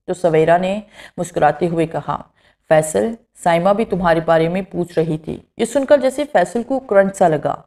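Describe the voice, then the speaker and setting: A woman narrating a first-person horror story in a steady, scripted reading. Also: on the low side.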